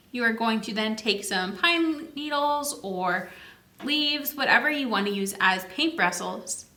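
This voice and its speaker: A woman with a fairly high, bright, forceful voice hosts a children's story time in an echoey room. She reads aloud and explains in a sing-song, exclamatory style, posing questions and answering them herself.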